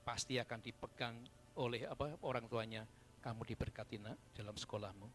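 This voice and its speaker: Man, pastor, sermon, hushed then shouting, bright tone. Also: medium pitch, a little fast, a little hiss or hum. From Indonesia. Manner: swings from soft murmurs to loud fervent shouts. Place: church service.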